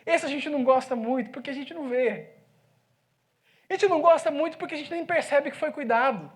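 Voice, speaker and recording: A man with a Brazilian accent, a pastor preaching in a church, telling a story with lively swings from loud to hushed speech. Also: very high-pitched, fairly quick. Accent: Brazilian Portuguese. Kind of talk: sermon storytelling. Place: church sanctuary.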